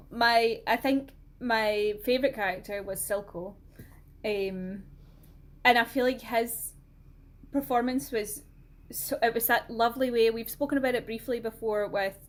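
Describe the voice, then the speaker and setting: Scottish woman, somewhat high voice, chatty and expressive, casual podcast co-host. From Scotland. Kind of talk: casual film discussion.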